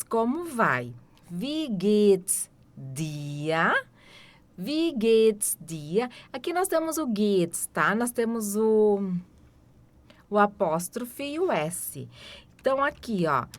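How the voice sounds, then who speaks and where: A Brazilian woman teaching German with a rather high, very lively voice that rises and falls a great deal. She speaks unhurriedly and patiently, checking in with her listeners and repeating each word until it sinks in. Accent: Brazilian Portuguese. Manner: explains step by step with frequent "tá?" and "né?" checks. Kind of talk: online language lesson.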